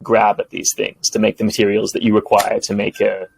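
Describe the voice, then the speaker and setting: A man narrating a tabletop game as game master, in a lively, animated way. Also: lowish voice, a little fast, creaky, breathy edge, dry recording, low-quality recording.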